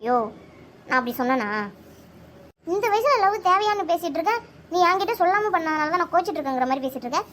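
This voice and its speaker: A stubborn village mother in a cartoon, her voice squeaky and extremely high, as a woman voices her. She scolds in a fast, bitter torrent and will not be talked round. A faint hum of background noise sits behind her. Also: animated, fairly bright tone. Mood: defiant, angry. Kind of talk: animated family comedy-drama.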